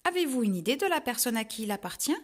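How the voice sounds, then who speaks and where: A woman reading a children's storybook, voicing a cheerful, caring young woman in a high, eager, sing-song voice. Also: sing-song, fast talker.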